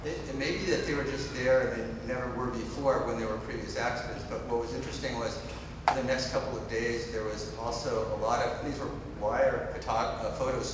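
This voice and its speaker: A man moderating a panel discussion on stage, explaining in long, winding sentences. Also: mid-range voice. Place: stage of a large indoor hall with audience. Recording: echoey hall, distant and noisy.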